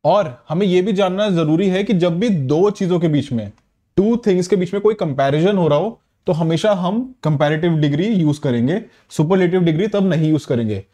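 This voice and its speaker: Guy teaching grammar, kinda high voice, mellow tone, keeps checking you're following. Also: moderate pace. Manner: patient, repeats "ठीक है" to check understanding. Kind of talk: explaining grammar to exam students.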